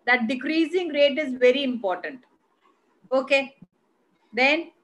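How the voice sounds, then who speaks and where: A woman's voice: high-pitched, unhurried, fairly bright tone, poor audio. A woman with an Indian accent teaching an online class as an economics teacher, instructive and repeating key phrases for emphasis. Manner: switches between English and Hindi. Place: online video call class.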